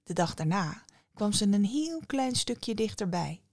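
A woman narrating a fairy tale for her podcast, calm and measured. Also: medium pitch, dry recording, studio quality. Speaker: podcast storyteller. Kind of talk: storytelling narration.

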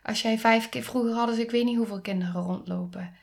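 Earnest woman with a gravelly, creaky voice. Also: a little high, steady tone. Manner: earnest, slow and intimate, drops into soft breathy near-whispers; rises to emphatic, pleading tones. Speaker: podcast host. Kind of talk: reflective podcast monologue.

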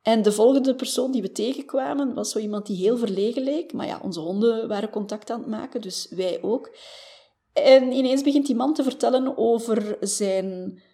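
A woman's voice: a little high, normal speed, dark tone. A woman with a Flemish accent, a former family doctor, hosting a motivational podcast and telling stories in a chatty way that tags many sentences with a questioning "hè".

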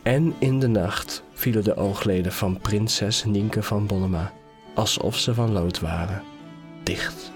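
Casting: man, scripted fairy-tale narration, very slow, faint music underneath. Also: lowish voice. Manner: unhurried storyteller, measured pauses. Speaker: podcast narrator. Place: podcast studio.

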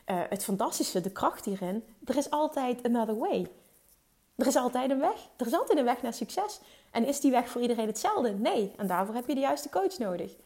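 Emphatic motivational woman, higher voice. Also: animated, fairly quick, darkish tone. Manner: emphatic, peppers her talk with English phrases. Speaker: business coach. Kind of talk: motivational monologue.

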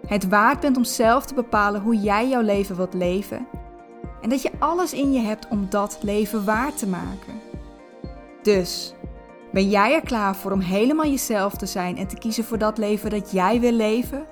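A woman's voice: medium pitch, normal speed, faint music behind. A woman hosting a self-help podcast, explaining and encouraging as she speaks directly to the listener. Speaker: podcast host. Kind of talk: spoken self-help coaching, addressing the listener.

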